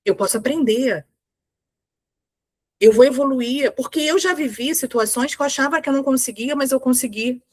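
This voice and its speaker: A woman's voice: sits high, moderate pace, no echo. A woman with a Brazilian Portuguese accent giving an earnest, emphatic motivational talk as a mindset coach, in short repeated phrases. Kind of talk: motivational talk to women entrepreneurs.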